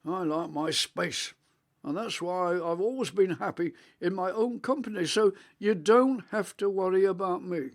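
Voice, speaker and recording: Playing an elderly grandfather in his 80s who rambles and reminisces over a video call, this man performs a radio monologue. The voice is high-pitched yet rich and melodious, broken by halting restarts.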